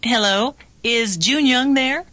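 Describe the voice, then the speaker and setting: A woman reading scripted practice dialogues for a language lesson in a clear, measured way. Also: on the high side, bright, forceful tone, no room sound.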